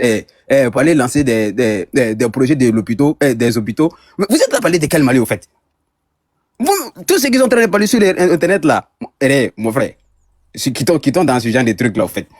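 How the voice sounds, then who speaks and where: A man's voice: a little high, no room sound, studio quality. A man from Ivory Coast, a caller in a heated online debate, who stumbles and repeats words as he argues. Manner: hesitant, repeats words, gets defensive.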